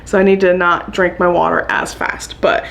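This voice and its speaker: A young plant vlogger chats casually to camera about her houseplant chores, upbeat and laughing often while hiccuping. Her voice is fairly low, gravelly and fairly bright, with a level tone and a moderate pace.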